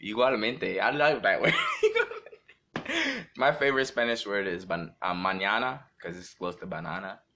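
Jamaican guy podcast host, super animated, bright punchy voice, joking and cussing over drinks. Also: on the low side, a little slow, a little hiss or hum. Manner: joking, profane, playful. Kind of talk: casual drinking banter.

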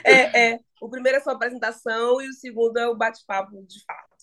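A woman from Salvador with a Bahian accent, chatting as a podcast guest in a lively, playful way, laughing often. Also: fairly high pitch, quick pace, a little hiss or hum. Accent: Bahian Brazilian Portuguese. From Salvador, Bahia, Brazil. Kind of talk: casual podcast chat.

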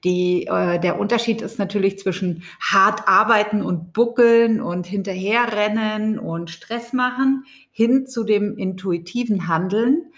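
Woman podcast host, unhurried, off the cuff, chatty spiritual coaching talk. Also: medium pitch. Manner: speaks off the cuff with fillers, warm direct address.

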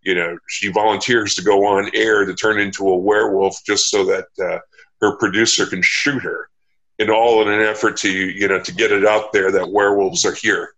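A man hosting a casual interview, talking in a halting, reflective and long-winded way. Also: on the low side, little pitch movement, fairly bright tone, low-quality recording. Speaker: interview host.

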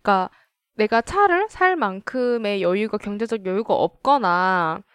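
A woman's voice: mid-range voice, animated, moderate pace, a bit bright, clean tone, dry recording, studio quality. A woman from South Korea hosting a casual group discussion, self-deprecating and sometimes searching for words. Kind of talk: casual panel chat.

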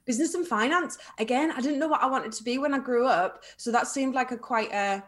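A woman's voice: high-pitched, a little fast, a bit bright. A young woman from Carlisle, chatting as a guest in a live online interview, talkative, with frequent fillers and laughs. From Carlisle, England.

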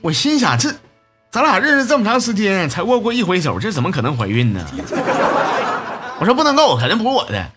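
A man's voice: sits high, sing-song, a little fast, over loud music. A man hosting a comedy show, reading listener messages aloud and joking with laughs at his own punchlines. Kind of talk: comic radio-style monologue.

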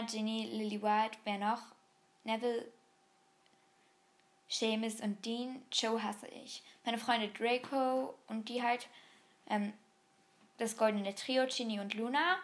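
A woman casually reading quiz questions aloud and answering them, thinking out loud with many fillers and restarts, and skimming longer text. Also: on the high side. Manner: reads text aloud, skims with bla bla. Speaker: vlogger taking an online quiz.

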